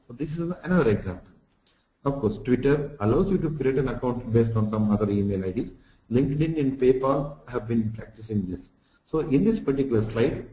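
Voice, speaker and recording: Teaching an online lesson from slides, this man speaks with a mid-range, dark-toned voice. His style is didactic, full of examples and recaps, and the recording has an echoey room sound.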